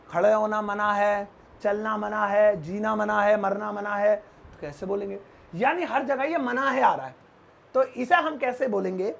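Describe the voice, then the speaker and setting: High husky-voiced guy teaching english phrases, jokey chatty asides. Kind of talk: Hindi-language English lesson.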